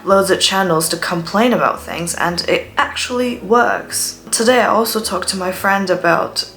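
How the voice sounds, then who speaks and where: With a medium-pitched, fairly bright voice at a normal speed, this twentysomething student vlogger from Shanghai, China, spins dramatic, chatty stories. She speaks English learned from TV, with an accent halfway between British and American, in a casual monologue.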